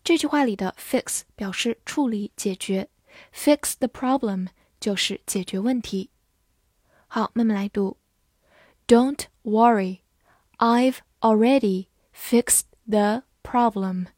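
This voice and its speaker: A woman teaching English vocabulary, spelling words letter by letter and modelling slow repetitions. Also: a little high, a little mellow, dry recording, clean studio sound. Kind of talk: vocabulary lesson, spelling and slow read-alouds.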